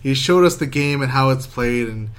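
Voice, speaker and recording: A man in a casual group chat, relaxed and chatty as he tells a story. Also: mid-range voice, moderate pace, clear, resonant tone.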